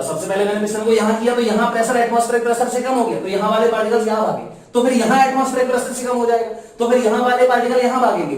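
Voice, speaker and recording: A male physics teacher lecturing in a strongly echoing room, his voice picked up from a distance. He talks in a chatty classroom way and keeps asking the class whether they follow. He repeats key terms so the students say them back. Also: very high voice. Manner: keeps asking the class rhetorical check questions. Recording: very echoey room, voice far from mic.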